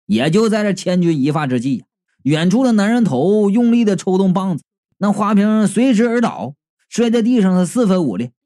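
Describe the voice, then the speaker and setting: A man narrating a comedic novel in the first person, telling the story in a lively, expressive way. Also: high-pitched. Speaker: audiobook narrator.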